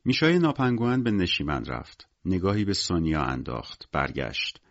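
A man narrating an audiobook in a measured, expressive storytelling manner. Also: deep voice, gravelly, highs cut off.

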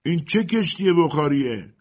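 A man voicing a blunt ship's mate who shouts his remarks in an audiobook. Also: low voice, highs cut off. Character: gruff adult male ship's mate, blunt.

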